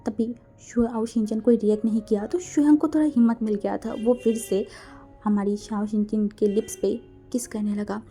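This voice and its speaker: A woman's voice: fairly high pitch, steady tone, normal speed, mellow, soft background music. A woman narrating a fan fiction story in a casual, conversational way.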